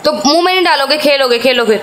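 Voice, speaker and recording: A young mother with a high, bright voice talks to her little kids for a family vlog, switching between sweet coaxing and sharp scolding. Her voice bounces around an echoey room at home. A faint hum sits underneath. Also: expressive, fast. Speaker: vlogger mother. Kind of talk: playful chat with her young children.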